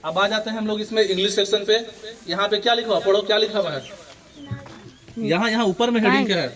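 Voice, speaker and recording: Brief: male assembly teacher, higher register, quiz-style delivery over a murmuring schoolyard crowd. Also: quick pace. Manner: quizzing students, repeating questions for chorus answers. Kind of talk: morning assembly lesson. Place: school assembly with students around. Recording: children's crowd audible behind.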